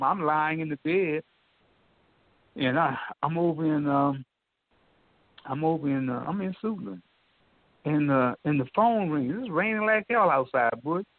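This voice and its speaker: An older man telling an animated story in a folksy way, repeating himself and addressing the listener directly. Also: a little high, gravelly, no echo. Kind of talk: excited storytelling. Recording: dry, tinny phone line.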